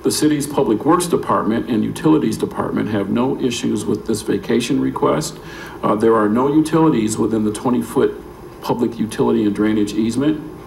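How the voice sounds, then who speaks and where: A man's voice: medium pitch, fairly quick, gravelly, a little mellow. An American man, a planning staffer, reading a formal staff report aloud at a public meeting. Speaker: city planning staff member. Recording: echoey room with faint noise.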